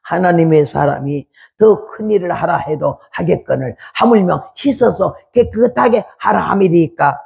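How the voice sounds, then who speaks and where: Humble male servants pleading with their master, read by an elderly woman preacher in her eighties. Slow, low, husky. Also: animated, darkish tone, exaggerated voice. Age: 80s.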